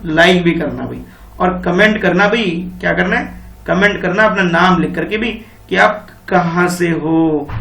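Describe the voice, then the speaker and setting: A man's voice: sits high, fairly bright tone, echoey room, distant mic. A male teacher giving an online grammar lesson to young children, explaining patiently and repeating key points.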